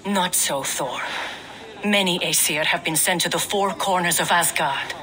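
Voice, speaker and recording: An actor playing a cautious, dutiful Norse god in a video game, giving formal counsel. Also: male voice, sits high, measured pace, sharp tone, slight background noise, poor audio. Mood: cautionary.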